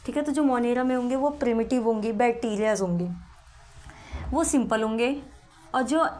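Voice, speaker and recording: A woman's voice: a little high, darkish tone. Woman teacher explaining biology to students. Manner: explains step by step, calls students "beta", asks them questions. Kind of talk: Hindi-English classroom lecture.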